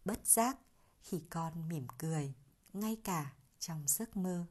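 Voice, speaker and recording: Gentle woman reading a children's story. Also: on the low side, lively intonation, takes it slowly.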